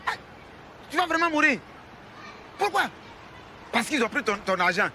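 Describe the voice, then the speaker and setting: Give me a boastful old retired husband from an Ivorian TV sitcom, with a high, swooping, very bright voice and a playful, teasing manner. He exclaims loudly and talks with a thick Ivorian French accent. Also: sing-song, normal speed, slight background noise, exaggerated voice. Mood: chatty. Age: older. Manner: boisterous, teasing, loud exclamations. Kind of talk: sitcom acting.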